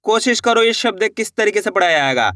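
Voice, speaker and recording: A man teaching children to read, sounding out each letter slowly and then repeating the whole word. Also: sits high, lively intonation, sharp tone, no room sound, clean studio sound. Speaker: Hindi reading teacher. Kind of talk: patient spoken lesson.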